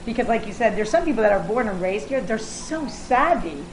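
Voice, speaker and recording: A woman's voice: medium pitch, animated, fairly quick. An American woman chatting in an interview, effusive and emphatic, promoting her work. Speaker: culinary consultant and caterer being interviewed. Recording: echoey room with ambient noise.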